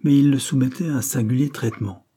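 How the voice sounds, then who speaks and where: A man narrating a novel aloud in a steady, measured reading. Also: mid-range voice, breathy edge. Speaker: audiobook reader. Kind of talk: storybook narration.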